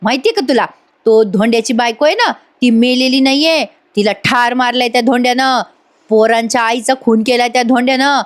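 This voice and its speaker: A woman's voice: fairly high pitch, a little fast, natural voice. A woman voicing a scheming, meddling older village aunt who talks in a pleading, wheedling rural way. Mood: urgent.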